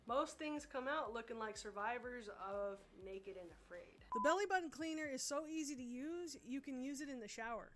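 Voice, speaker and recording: A woman's voice: high-pitched, moderate pace, hardly any pauses, a bit bright, faint music behind. A woman hosting comedic infomercial parodies, with an upbeat, mock-salesy delivery and wry asides. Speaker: host and creator of satirical ads.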